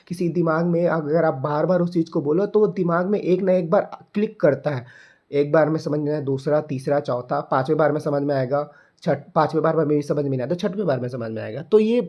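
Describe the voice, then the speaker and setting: A man's voice: a little high, mellow. A young man teaching an exam-prep lesson, explaining points in Hindi with English terms in an Indian accent and repeating ideas so they sink in.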